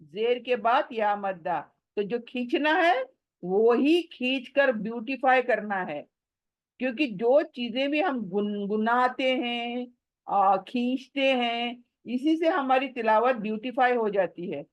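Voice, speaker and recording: A woman teaching Quran recitation rules in a patient, repeating manner, drawing out the verses in slow chanted recitation between explanations. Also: fairly high pitch, lively intonation, no room sound, muffled recording. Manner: patient, repeats and asks the listener questions. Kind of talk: tajweed lesson mixing Hindi and English.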